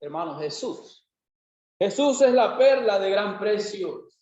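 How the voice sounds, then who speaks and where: A man's voice: sits high, expressive, takes it slowly, darkish tone. A man preaching a sermon in a church, driving points home with rhetorical questions and emphatic repetition. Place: church worship hall. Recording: very echoey hall, dull lo-fi sound.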